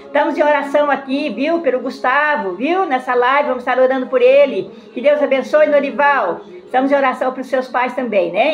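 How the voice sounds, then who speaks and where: A woman preaches a live-streamed sermon in a high voice. She keeps asking her listeners questions and tagging phrases with "né?". The room rings around her, the sound is a little dull, and soft music plays underneath. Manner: ends phrases with a questioning "né?", asks listeners questions, greets viewers by name. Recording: roomy, slightly dull sound with faint music behind.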